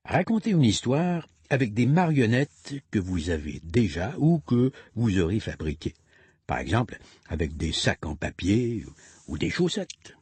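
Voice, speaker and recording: A man slowly reading a booklet of tips for parents aloud, breaking into a playful sung rhyme with sound effects. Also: on the low side, sing-song, a little mellow, slightly rough, no echo. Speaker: reader of a parents' literacy booklet. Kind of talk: slow read-aloud narration with sung rhyme.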